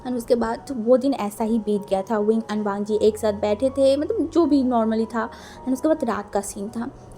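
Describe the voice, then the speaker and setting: Female storyteller, casual and animated, high voice with a warm mellow tone. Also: moderate pace, soft background music. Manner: animated, musing, repeats words while thinking. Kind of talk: casual fanfiction retelling.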